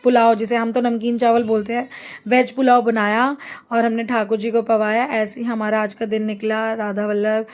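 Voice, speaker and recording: A middle-aged woman narrating a family travel vlog in a chatty, rambling way, pausing to find words. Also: on the high side, flat delivery. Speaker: travel vlogger.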